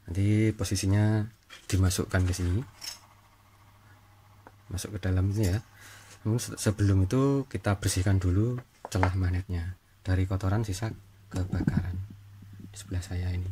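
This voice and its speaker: A repair tutorial host works through an informal hands-on job, addressing viewers in short step-by-step phrases. He's a man with a low, steady voice who speaks at a moderate pace with long pauses, and background noise is audible.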